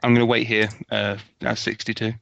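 Creaky voiced guy rpg player, deliberate descriptive narration, muffled lo-fi mic. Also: lowish voice, level tone, a bit bright. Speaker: tabletop game player. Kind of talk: casual chat and game narration. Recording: dull, muffled lo-fi voice audio.

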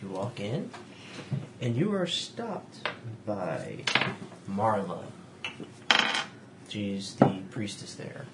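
A man's voice: on the low side, sing-song, very slow, long pauses. A man narrating a tabletop role-playing game as the game master. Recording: very noisy, echoey room.

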